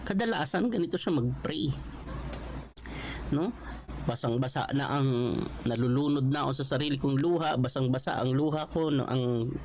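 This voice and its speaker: A man with a Filipino accent preaching a Bible study sermon in a conversational way, mixing Tagalog and English and rising in pitch on emphatic quotes. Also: moderate pace, pauses often, darkish tone, slight background noise, rough recording.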